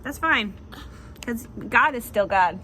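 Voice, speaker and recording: A woman's voice: a little high, expressive, takes it slowly, bright, forceful tone, a little hiss or hum. A young adult woman hosting a casual Bible chat, chatty, often laughing, and acting out the people she quotes. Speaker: devotional host.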